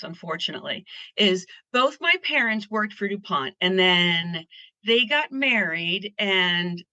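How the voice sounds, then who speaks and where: A guest artist from Pennsylvania chats in a casual interview, upbeat and rambling, often restarting her sentences. Her mid-range voice has a sharp tone, with no room sound and dull audio.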